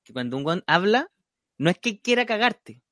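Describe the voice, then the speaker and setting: A man's voice: sits high, very animated, normal speed, a bit bright, no echo, studio quality. A man with a Chilean accent, a stand-up comedian talking loosely in a casual chat. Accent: Chilean Spanish. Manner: loose slangy talk with restarts.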